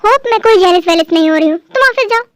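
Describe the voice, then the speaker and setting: A high-voiced performer voicing a proud, stubborn, lovesick elder sister in a fan dub drama, speaking sharply and dismissively. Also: female voice, lively intonation, fast, no echo, studio quality. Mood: defensive.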